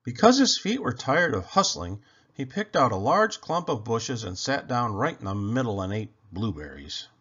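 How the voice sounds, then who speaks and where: A man narrates a children's storybook with an expressive, animated delivery. His pitch is mid-range and moves up and down freely, with deliberate pauses. The recording is a little dull and lo-fi. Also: husky. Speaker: children's book reader. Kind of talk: scripted storybook narration, read aloud.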